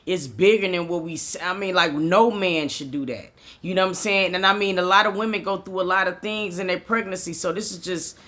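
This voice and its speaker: A man's voice: sits high, pushed and bright. A man giving casual, slangy reaction commentary on a clip he is watching. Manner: slangy, exclaiming.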